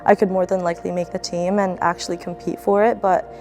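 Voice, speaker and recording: A woman's voice: fairly low pitch, flat delivery, fast, a little mellow, soft background music. A young woman student athlete from the Philippines, speaking in a casual, reflective documentary interview with fillers and restarts. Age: young adult.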